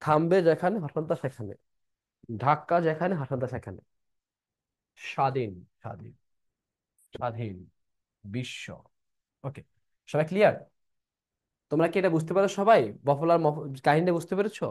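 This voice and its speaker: A man, teaching an admission-prep lesson who repeats each rule and keeps asking if everyone is clear. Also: fairly high pitch, brisk, pauses often, darkish tone. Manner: repeats rules, checks if students are clear.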